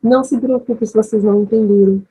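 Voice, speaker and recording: A woman's voice: fairly high pitch, steady tone, quick pace, dark tone, slightly rough, low-quality recording. A woman teaching an English lesson, patient and repetitive, checking in with her students after each step. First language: Portuguese. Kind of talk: slow, patient classroom lesson.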